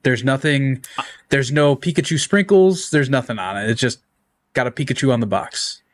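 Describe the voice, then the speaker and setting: A man's voice: mid-range voice, moderate pace. A man co-hosting a podcast in casual chat, often repeating words as he goes and swearing freely. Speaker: podcast co-host.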